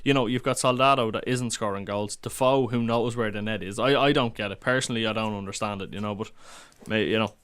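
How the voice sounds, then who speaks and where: Smooth-voiced man talking football. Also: on the low side, fairly even intonation, fast talker, hardly any pauses, a bit bright. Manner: chatty, hesitant restarts, opinionated. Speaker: podcast panelist. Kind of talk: casual football chat.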